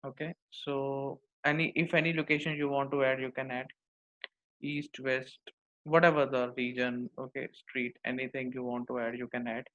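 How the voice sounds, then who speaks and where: A man with an Indian accent giving a step-by-step software tutorial, often repeating his phrases for emphasis. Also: medium pitch, level tone, moderate pace. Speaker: software instructor. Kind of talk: screen-demo tutorial, explaining step by step. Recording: dull lo-fi microphone sound.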